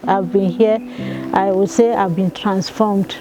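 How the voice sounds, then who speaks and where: A religious sister studying counseling, speaking earnestly in an interview testimony. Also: female voice, mid-range voice, fairly even intonation, unhurried, music in the background, poor audio. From Nigeria.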